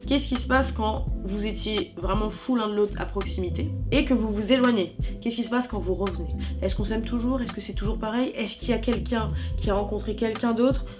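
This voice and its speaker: A woman's voice: mid-range voice, brisk, hardly any pauses. Young woman gushing about romance films, slangy, keeps correcting herself, music in the back. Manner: animated, chatty, slangy and self-correcting. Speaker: YouTuber. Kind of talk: casual film review vlog.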